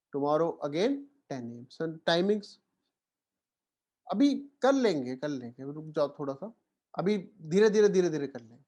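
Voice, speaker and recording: Indian male teacher with a raised pitch. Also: a little mellow. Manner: Hindi-English code-switching, frequent "theek hai" check-ins; encouraging, reassuring students. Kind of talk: online lecture.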